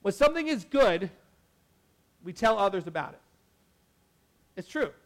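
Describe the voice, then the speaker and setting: High-voiced man preaching a chatty sermon. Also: unhurried. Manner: chatty, animated, full of asides and restarts. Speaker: pastor. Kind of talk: casual sermon.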